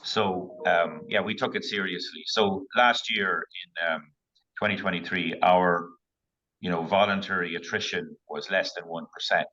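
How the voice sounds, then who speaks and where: A man's voice: low voice, steady tone, measured pace, sharp tone, muffled recording. A man speaking as a panel guest, firm and plain-spoken, with fillers. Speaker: panel guest, company leader. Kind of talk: webinar panel answer.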